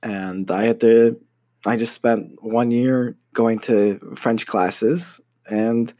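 A young man from the United States, a university student, speaks slowly in a mellow, mid-range voice with fairly even intonation, and no room sound is audible. He tells a personal story about his studies casually and haltingly, with many fillers and restarts.

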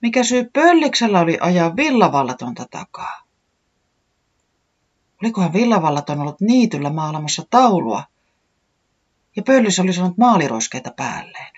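Expressive storybook narrator. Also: mid-range voice, long pauses, breathy edge, lo-fi sound.

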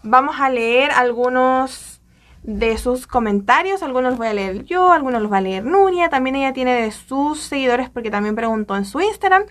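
A woman's voice: sits high, expressive, moderate pace. A woman hosting a podcast, chatting casually and frankly with a friend, with a wry edge. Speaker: podcast host. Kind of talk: casual chat.

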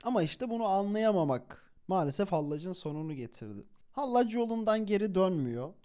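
A young man with a notably high-pitched voice tells a story in a relaxed, conversational way. He is animated and chuckles easily. He drops in slang and corrects himself mid-phrase. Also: brisk. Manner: animated, chuckles while telling; informal slang, self-corrections. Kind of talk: casual spoken storytelling.

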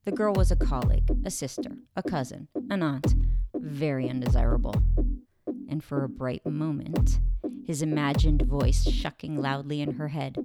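A woman reading literary fiction aloud in a measured, deliberate way, drawing out pauses between phrases. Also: sits low. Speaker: narrator. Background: background music.

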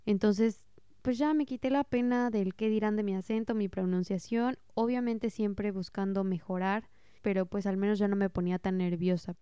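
Warm-voiced Mexican woman telling stories. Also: mid-range voice, fairly even intonation, normal speed, clean tone, dry recording, clean studio sound. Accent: Mexican Spanish. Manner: chatty and self-mocking, laughs at her own mistakes. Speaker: vlogger sharing language-learning stories. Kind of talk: casual storytelling monologue.

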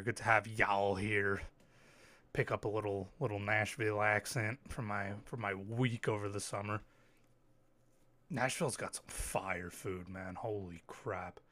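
A man hosting a casual solo podcast, telling stories in an animated way, swearing freely, a little sick with an occasional cough. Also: fairly low pitch, no room sound. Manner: animated storytelling, swears freely, quick asides. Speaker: podcast host.

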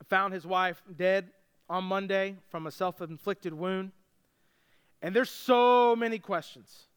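A man's voice: high-pitched, fairly bright tone, clean tone. A young man preaching a sermon as pastor, casual and joking as he tells the story.

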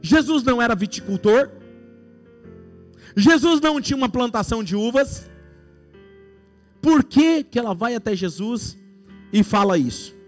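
A man's voice: very high voice, expressive, unhurried, long pauses, faint music behind. A man with a Brazilian Portuguese accent preaching a sermon, telling playful stories and acting out imagined scenes.

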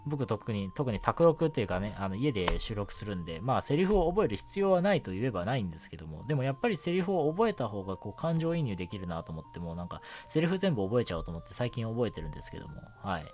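This young man, an amateur voice actor hosting his own casual radio show, talks fast and very animatedly with few pauses in a lowish, slightly mellow voice. He stays polite and chatty, with lots of short affirmations. Background music plays, and there's a little hiss or hum.

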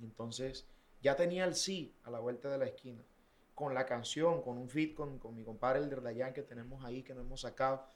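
A man, a singer telling stories in a casual interview, animated and fond of sound effects. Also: mid-range voice, fairly quick.

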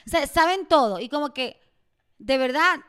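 A young woman with a Puerto Rican accent, telling lively stories as a co-host in casual chat. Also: sits high, moderate pace. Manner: animated storyteller, laughs often. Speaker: podcast co-host.

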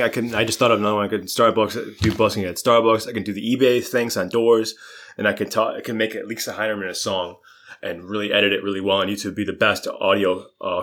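A man's voice: fairly low pitch, fairly bright tone. A man co-hosting a casual podcast, thinking aloud in a rambling, self-correcting way and laughing often. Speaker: podcast co-host. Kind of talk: casual brainstorming chat.

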